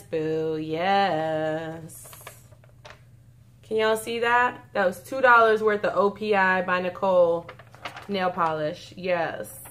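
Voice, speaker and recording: A chatty woman shows off her bargain finds, gushing with delight and calling out to her viewers. Her voice sits at an ordinary middle pitch and her talk runs loose and casual. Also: a bit bright. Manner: chatty and gushing, keeps saying y'all. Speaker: beauty vlogger. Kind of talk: casual haul video chat.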